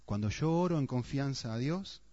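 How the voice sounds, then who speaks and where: A man's voice: mid-range voice, expressive, normal speed, dark tone. A man preaching a sermon earnestly, often asking the congregation rhetorical questions. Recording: dull, muffled sound.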